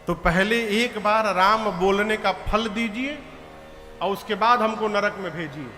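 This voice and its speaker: A man's voice: high-pitched, a little slow, sharp tone. A man voicing a patient old guru who coaxes and insists, inside a story told in a devotional discourse. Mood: earnest. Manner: coaxing then commanding. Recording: reverberant hall with flute music.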